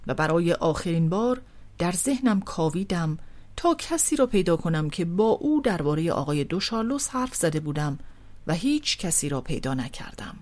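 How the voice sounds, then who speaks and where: Woman narrating a novel aloud, lowish voice, really animated melody. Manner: measured, expressive reading. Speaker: audiobook narrator. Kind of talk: literary audiobook narration.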